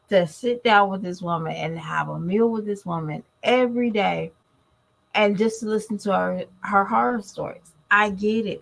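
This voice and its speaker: A woman with a medium-pitched, slightly bright voice and some vocal fry chats casually to camera for her vlog. She sounds tired and congested and speaks straight to her viewers.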